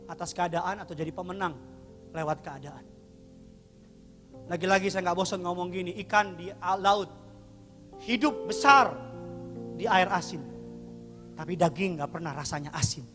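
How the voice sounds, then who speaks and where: A man preaching a lively, comic sermon as pastor, acting out dialogue and sometimes shouting for emphasis. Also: high voice, in a large hall. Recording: live music behind him.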